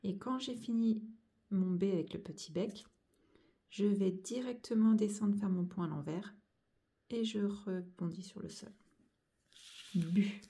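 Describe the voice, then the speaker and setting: A handwriting teacher with a mid-range, dark-toned voice speaks a little slowly. She patiently shows young children how to join cursive letters, going over each stroke and sound one step at a time.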